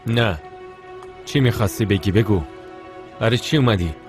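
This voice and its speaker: A curt, distrustful con man, voiced by a man in a dubbed TV drama, his voice sitting a bit low. He snaps short demands over music playing underneath. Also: close to an everyday voice. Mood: suspicious.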